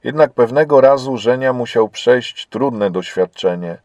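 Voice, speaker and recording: Low-voiced man narrating a story. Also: a little mellow, no echo, muffled recording.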